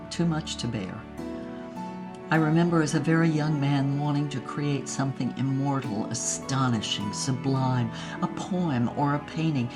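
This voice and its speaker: Her voice extremely low, a woman voices a heartbroken ex-actress in an audio drama, wistfully recounting a lost love with dramatic, lingering melancholy. The mood is mournful.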